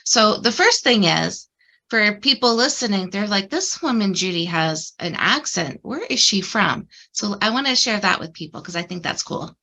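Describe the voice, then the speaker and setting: A woman's voice: mid-range voice, expressive, normal speed, bright, forceful tone. A woman hosting a podcast interview, friendly and encouraging as she introduces and questions her guest. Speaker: podcast host.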